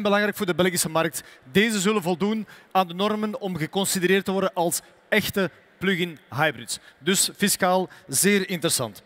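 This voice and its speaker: A man's voice: sits high, fairly bright tone. A man, a company executive giving a prepared, formal press statement. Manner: formal, measured delivery. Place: expo hall.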